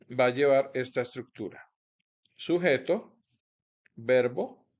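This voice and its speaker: Slow, careful male teacher. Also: mid-range voice. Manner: slow, careful explaining with frequent "pues" and "entonces". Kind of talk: recorded grammar lesson. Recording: dull lo-fi recording.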